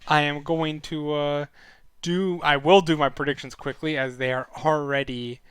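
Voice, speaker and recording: A young man runs his weekly esports review stream in a chatty, rambling way, leaning on fillers and self-corrections as his throat turns sore and his voice starts to give out. He speaks on the high side at normal speed with fairly even intonation, his tone fairly bright and smooth, with no room sound.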